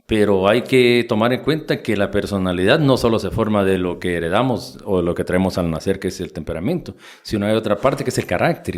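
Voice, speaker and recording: A man hosting a podcast interview, asking calm, measured questions. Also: lowish voice. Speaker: podcast host.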